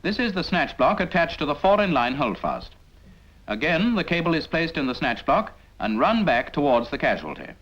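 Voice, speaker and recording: With a slightly high, sing-song voice that is a bit bright, a British man narrates at a moderate pace. It's a scripted 1950s military training film, instructing the trainee directly and didactically with rhetorical questions, recorded on a dull 1950s film soundtrack.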